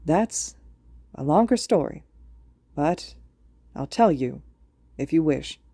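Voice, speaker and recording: Brief: woman playing a kind, weary mentor, low and soft-spoken. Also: expressive, slow, slightly rough, no echo, exaggerated voice. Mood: earnest. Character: earnest, weary older male hero.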